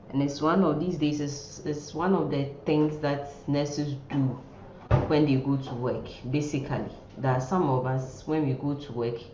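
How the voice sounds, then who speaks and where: In an informal online class, a woman who lectures in nursing talks slowly and haltingly in a very low, mellow voice, repeating herself often. The sound, captured by a computer microphone in a room, is muffled and roomy with a faint background noise.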